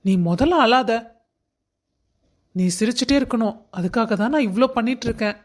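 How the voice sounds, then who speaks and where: Cartoon husband, gentle teasing, reassuring, voice a bit high, woman voiced. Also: moderate pace, lightly acted. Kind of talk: Tamil cartoon voice acting.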